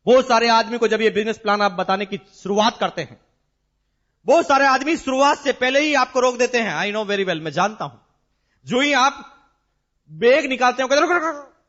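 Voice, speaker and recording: A man speaking as a motivational business seminar speaker in a large hall, emphatic and repetitive, with rhetorical questions and drawn-out stresses. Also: extremely high pitch, fairly bright tone, muffled recording.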